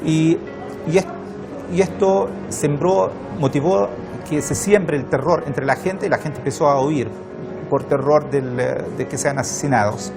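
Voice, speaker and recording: A man from Palestine giving interview testimony in a documentary, halting and full of fillers, with music underneath. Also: a little high.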